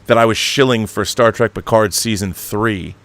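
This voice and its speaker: A fairly low, steady, slightly bright male voice at normal speed belongs to an online show host. His casual livestream mixes rambling monologue with chat reading, driven by emphatic, opinionated fan enthusiasm and sprinkled with the occasional casual swear.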